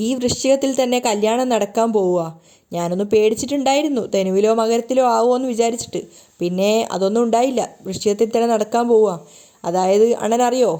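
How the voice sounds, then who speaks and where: Woman reading boastful middle-aged dad, swaggering, quick delivery, mellow voice. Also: a little high, natural voice. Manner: swaggering, self-important. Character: boastful middle-aged father bragging about his son.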